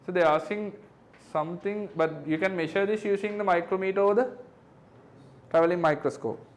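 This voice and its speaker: A physics tutor with a high, light voice goes over exam questions out loud. He works through each figure step by step. He keeps checking that his class follows with quick tag questions. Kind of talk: exam question review lesson.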